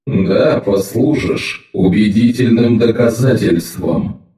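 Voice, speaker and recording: Man putting on a vengeful sorcerer, booming metallic clang, very slow, heavy echo. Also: dark tone. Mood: menacing. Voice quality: grating, clanging. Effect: booming, echoing metallic voice. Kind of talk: audiobook character reading.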